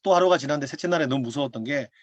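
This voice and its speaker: Fast-talking, lively male pastor. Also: mid-range voice, dry recording. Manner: animated storytelling with laughs and acted-out quotes. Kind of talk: sermon told as a personal testimony. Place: online prayer meeting over video call.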